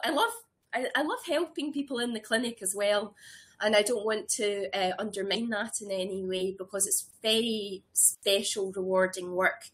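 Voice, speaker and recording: A Scottish-raised herbalist in her thirties hosts a casual webinar from a small room at home, speaking in a voice on the high side. She sounds warm and enthusiastic, with many ums and restarts, picked up by a webcam or laptop mic on a video call.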